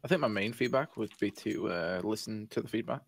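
A man chatting casually in a gaming voice chat, halting and restarting often. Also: fairly low pitch, gravelly, husky. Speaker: playtester.

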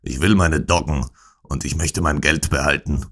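A man doing a gruff, cold old moneylender. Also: rumbling low, fairly even intonation, moderate pace, fairly bright tone. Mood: gruff irritated. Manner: gruff, irritated, growling. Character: cold hard-hearted older male moneylender. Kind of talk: audiobook character voice.

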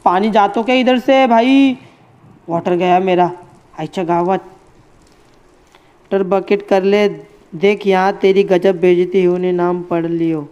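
Male streamer, casual running commentary to chat, muffled low-fi sound. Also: fairly even intonation, measured pace, darkish tone, clear, resonant tone. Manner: chatty, addresses chat and friends as bhai. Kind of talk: casual live game commentary.

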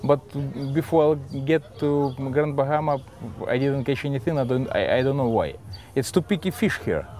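A man with a Russian accent speaking halting, simple English in a casual interview, often repeating words. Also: medium pitch, lively intonation, darkish tone. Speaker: adventurer and sailor, interviewee. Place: on a sailboat in a marina, cockpit and cabin. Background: music.

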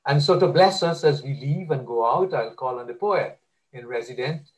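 A man's voice: mid-range voice, expressive, moderate pace, poor audio. A man hosting a webinar, thanking speakers and guests and announcing the next session in a courteous, plain way. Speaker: webinar host. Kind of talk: moderating a webinar.

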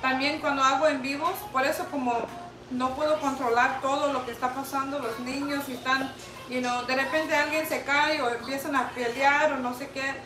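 Young mother co-hosting a livestream; excitable, high voice; echoey, distant, noisy audio. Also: normal speed. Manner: excitable, mixes in English words. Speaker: co-host, mother. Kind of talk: casual livestream storytelling.

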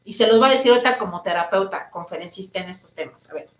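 A woman therapist and speaker answering audience questions in a live online talk, speaking loudly and emphatically and asking her listeners questions. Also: medium pitch, rapid-fire, reverberant, rough recording. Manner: addresses listeners directly with rhetorical questions.

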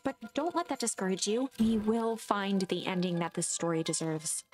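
A solemn storyteller, played by a woman, narrates a mystery game like a storybook. Her delivery is scripted and dramatic, at a middle pitch, with music underneath. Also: animated, normal speed, a little mellow, natural voice. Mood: gentle, reassuring. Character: solemn female storyteller reading a mystery tale.

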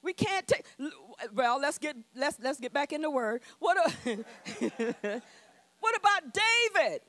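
A woman's voice: sits high, big pitch swings, takes it slowly, a bit bright, no echo. A woman pastor preaching a sermon in a bold call-and-response manner to her congregation. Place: church sanctuary.

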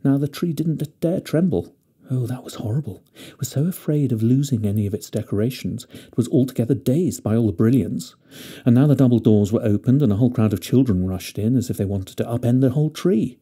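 A man narrating a fairy tale with gentle, expressive storytelling. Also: medium pitch, brisk, slightly rough.

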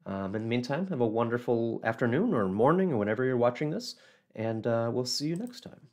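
Speaking briskly from a small office through a webcam microphone, this man in his thirties runs a casual livestream about local history. A cold has left his voice hoarse and scratchy, though it stays mid-range, expressive, and somewhat dark. He wanders through his points with frequent ums and restarts.

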